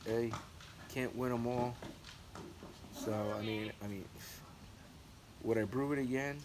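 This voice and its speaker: A man's voice: mid-range voice, steady tone, a little slow, crowd noise. A man chatting casually to his viewers in a rambling, repetitive, hesitant way, like a home-brew vlogger. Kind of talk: casual rambling vlog chat. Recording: noisy recording with clicks.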